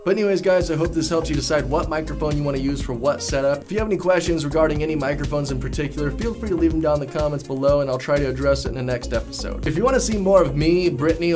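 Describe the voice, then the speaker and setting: A man in a casual online show, chatting enthusiastically about gear. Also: fairly high pitch. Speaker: co-host. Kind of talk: casual tech talk.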